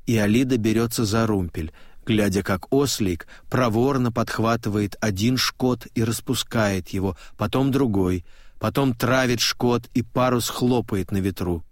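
A man narrating an audiobook in a calm, measured, even way. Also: fairly low pitch, no echo, clean studio sound. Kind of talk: scripted narration.

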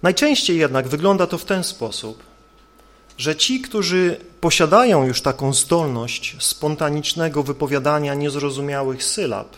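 A male preacher delivering an earnest sermon, building his points with rhetorical questions. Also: fairly high pitch.

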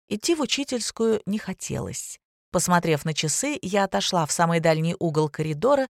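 A woman's voice: on the low side, creaky, no echo, clean studio sound. Woman narrating a wry audiobook. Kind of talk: scripted first-person narration.

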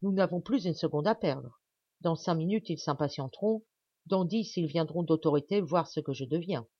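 A woman voicing a gruff, impatient middle-aged male doctor who blusters and grumbles. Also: deep voice, normal speed, no echo, muffled recording. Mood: urgent.

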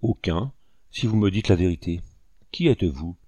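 A man doing a kindly gentleman rescuer. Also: low-pitched, lively intonation, moderate pace, no echo. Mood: gentle reassuring. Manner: gentle, reassuring. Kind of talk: audiobook character reading.

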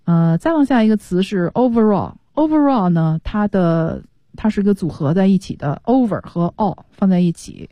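A woman's voice: medium pitch, lively intonation, moderate pace, dark tone, dry recording. Patient woman teaching English on radio. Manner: patient, explains pronunciation step by step.

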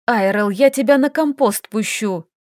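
A woman's voice: fairly high pitch, a little mellow, no room sound, close to an everyday voice. Woman putting on a feisty young gal, snappy and bickering, kinda raised voice, dry close audiobook sound. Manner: quick, bickering, exclamatory. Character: feisty young woman, stubborn and sharp-tongued.

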